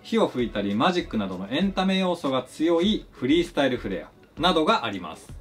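A man who works as a flair bartender gives a polite, scripted, educational explanation of his craft. He speaks quickly with lively pitch swings, and faint music plays behind him.

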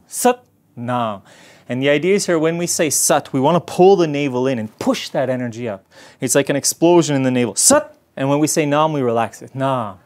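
Man, yoga teacher, encouraging, slightly breathless, mid-pitched voice, guiding a class. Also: a little mellow. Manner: encouraging, coaching instructions. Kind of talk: guided kundalini yoga class.

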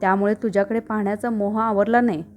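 A woman's voice: mid-range voice, steady tone, fast, a little mellow, soft background music, natural voice. A woman voicing a humble, devout middle-aged mother in a storybook reading, speaking tenderly and modestly.

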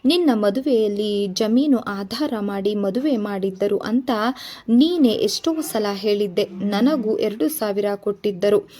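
A woman voicing a calm, gentle husband who speaks softly and patiently to his wife. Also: mid-range voice, natural voice. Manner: soft, patient and unhurried. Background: background music.

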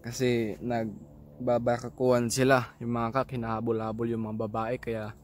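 Relaxed Filipino man chatting outdoors. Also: mid-range voice, moderate pace, a little hiss or hum. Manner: relaxed, rambling, many restarts and fillers. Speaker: pigeon loft vlogger. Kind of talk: casual vlog talk. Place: outdoors by a pigeon loft.

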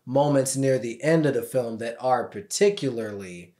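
A man's voice: mid-range voice, normal speed, warm tone. A young man hosting a casual movie review, talking enthusiastically with slang and the occasional swear word. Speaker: film reviewer host. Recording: echoey room.

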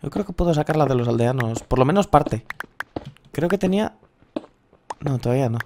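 A man's voice: medium pitch, brisk. Spanish guy from spain, 30s, rambling game commentary, swears a lot, bit of faint hiss behind. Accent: Castilian Spanish. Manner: excitable, swears freely, rambling. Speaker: gaming youtuber. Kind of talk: casual gameplay commentary.

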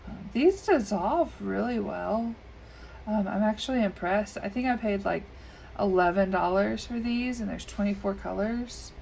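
With an overhead camera above the desk recording her, a coloring video creator chats indoors while she colors, casual and unhurried and saying um a lot. Her voice is scratchy and gravelly, medium in pitch, a little mellow, and a little slow.

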